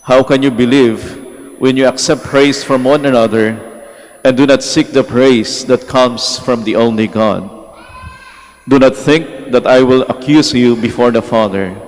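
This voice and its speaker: Slow-reading priest in cathedral echo. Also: male voice, mid-range voice, a little mellow. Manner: slow, measured, solemn delivery. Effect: long cathedral echo. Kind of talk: liturgical gospel reading. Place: large church during Mass. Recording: long reverb of a large church.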